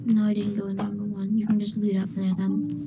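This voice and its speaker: A woman's voice: mid-range voice, monotone, brisk, creaky, muffled recording, over loud music. A female gamer in casual co-op chat, bossy and playful, giving orders to her teammate and humming filler.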